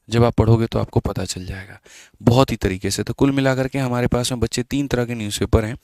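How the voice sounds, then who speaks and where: A man's voice: lowish voice, a little mellow, dry recording. A man teaching maths in a live online exam-prep class, chatty and scolding his students, mixing English terms into his talk.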